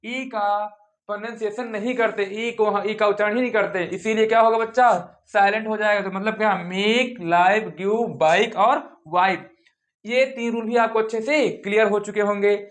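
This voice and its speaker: A man with a fairly high voice teaches a lesson on pronunciation rules. He keeps asking a question and answering it himself, repeating each word several times in a patient drilling rhythm. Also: fairly even intonation, normal speed. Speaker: English teacher. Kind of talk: classroom-style lesson.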